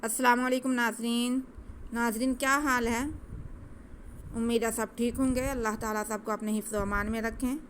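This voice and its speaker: A woman teaching Quran recitation step by step, explaining gently and patiently at a quick pace. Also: fairly high pitch, little pitch movement, slight background noise.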